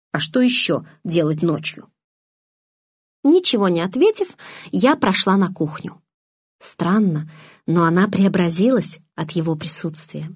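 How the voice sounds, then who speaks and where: A woman narrating a novel in the first person, in an even, measured storytelling manner. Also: fairly low pitch, slightly rough, no room sound, studio quality. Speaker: audiobook narrator.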